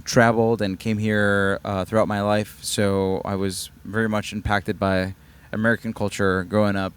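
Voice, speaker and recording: A man chats as a guest in a relaxed interview, his voice low and smooth. He tells his stories with eagerness, stumbling and restarting as the thoughts come faster than the words. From Argentina. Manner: eager storyteller with frequent restarts. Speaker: musician guest. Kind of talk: casual interview chat. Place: rooftop in the open air.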